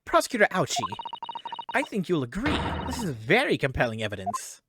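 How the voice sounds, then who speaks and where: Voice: mid-range voice, huge pitch swings, fairly quick, heavy background noise. A game player voicing an articulate defense counsel who argues formally and insistently. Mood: assured. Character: assured, articulate defense counsel arguing a case. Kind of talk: video game dialogue read aloud in character. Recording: game music behind the voice.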